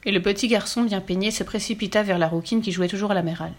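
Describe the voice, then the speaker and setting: A woman narrating a children's audiobook with clear, expressive storytelling. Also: mid-range voice, fast talker.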